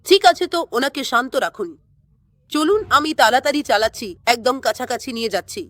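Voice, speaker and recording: A woman voicing a hurried male ambulance driver in a doll story, who talks politely and keeps apologizing. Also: high voice, animated, no room sound. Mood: reassuring.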